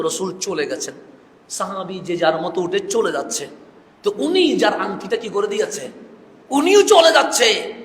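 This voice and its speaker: A man preaching an emphatic sermon in a mosque, asking the audience questions and answering them himself. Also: high voice. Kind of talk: Islamic sermon. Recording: echoey mosque hall.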